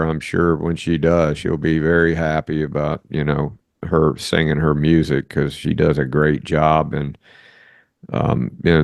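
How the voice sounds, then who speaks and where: A man's voice: deep voice, no echo, studio quality. An older man co-hosting a podcast, chatting in a rambling, folksy way with lots of fillers and restarts. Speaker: podcast co-host. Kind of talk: casual chat and interviewing.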